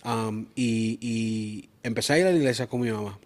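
A man's voice: lowish voice, normal speed, darkish tone. Earnest bilingual man. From Springfield, Massachusetts, USA. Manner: earnest, mixes in English words. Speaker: guest, music producer. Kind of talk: casual interview.

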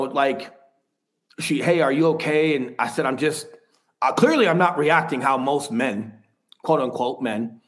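A man in his thirties, a podcast guest, telling a personal story in a frank, rambling way with casual swearing. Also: medium pitch.

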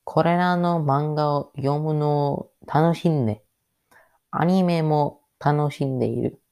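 Very slow-talking man, halting learner's speech. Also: a little high, darkish tone, clean tone. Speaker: podcast host. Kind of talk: solo podcast monologue.

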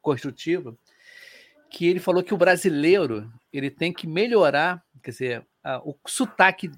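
Male stream host, reads the chat aloud, upbeat asides, a touch high-pitched. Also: moderate pace, slight background noise. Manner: reads viewer comments aloud, lively asides. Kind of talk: casual live-stream chat.

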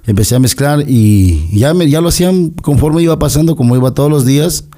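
A man's voice: on the high side, animated, fairly quick, mellow. A middle-aged man from Latin America, a podcast guest telling stories in casual chat and acting out the quoted lines. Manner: chatty, acts out quoted dialogue. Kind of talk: casual storytelling.

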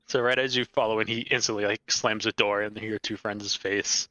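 A man's voice: on the low side, steady tone, normal speed, pushed and bright, no room sound, lo-fi sound. A man running a tabletop game as game master, narrating casually with many fillers. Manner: casual, filler-heavy, laughs easily.

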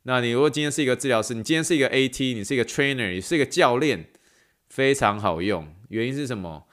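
A man's voice: medium pitch, fast talker, fairly bright tone. A man hosts a casual podcast lesson late at night, and he sounds tired. He teaches in a playful way, dropping in English phrases and spelling words out letter by letter. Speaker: podcast host and athletic trainer.

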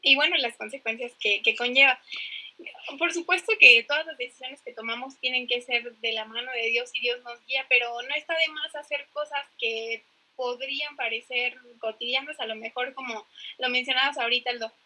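High, bright woman. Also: moderate pace, rough recording. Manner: chatty, expressive, laughs easily. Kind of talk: casual faith-based podcast talk.

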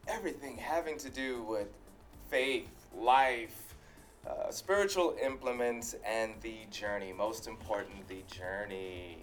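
A man's voice: fairly low pitch, unhurried, fairly bright tone, faint music behind. A man hosting a casual studio interview, talking conversationally in short bursts. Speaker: talk show host, interviewer.

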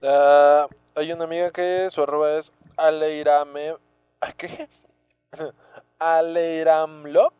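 Clear-voiced Mexico City man, slangy. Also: on the high side, level tone, takes it slowly, darkish tone, dry recording. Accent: Mexico City Spanish. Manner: slangy, tells stories, says güey constantly. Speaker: podcast co-host. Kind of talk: casual chat.

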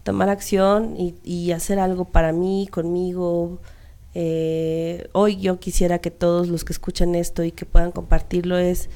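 A woman's voice: fairly low pitch, warm tone. Woman co-host, slangy and reflective. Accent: Mexican Spanish. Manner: reflective, slangy, mocking quoted voices. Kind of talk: casual panel talk.

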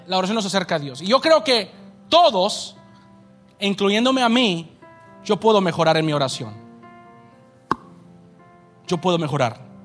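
A man's voice: high voice, a bit bright. A male pastor preaching a sermon in a church, emphatic and conversational, often checking in with the congregation. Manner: emphatic preaching with frequent "¿verdad?" asides. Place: church sanctuary.

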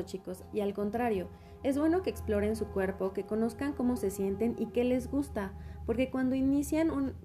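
A woman hosts an educational talk, speaking in a clear, instructive way to a young audience. Her voice is warm and mellow rather than bright. Faint music plays underneath. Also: fairly high pitch. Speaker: host. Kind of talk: scripted educational presenting.

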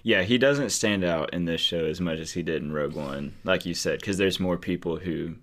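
A man's voice: deep voice, moderate pace, a bit bright. A man in a casual talk, easygoing and using fillers like "like". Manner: easygoing, uses fillers like "like" and "you're like". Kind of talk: casual chat.

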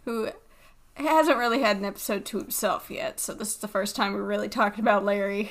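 A woman's voice: mid-range voice, fairly quick. A woman co-hosting a casual podcast chat about an old cartoon, giggling often and telling things with animation. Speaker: podcast co-host.

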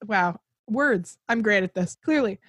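A young woman in her twenties hosting a casual podcast chat, chatty and giggly, telling stories with lively put-on quotes. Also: medium pitch, measured pace, no echo, clean studio sound. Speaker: podcast host.

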